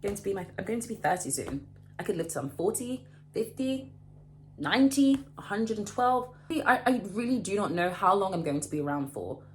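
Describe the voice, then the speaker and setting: A woman in her late twenties giving a casual motivational talk to camera, animated and emphatic, often repeating and restarting her phrases. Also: mid-range voice, moderate pace, a little hiss or hum. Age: late 20s. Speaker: vlogger.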